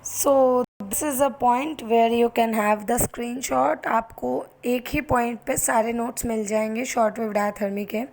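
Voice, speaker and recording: A physiotherapy instructor with an Indian accent talks slowly and with hardly any pauses, her slightly high voice carrying vocal fry, a darkish tone, and fairly even intonation. She teaches step by step in a Hindi-English lecture, posing questions and then answering them.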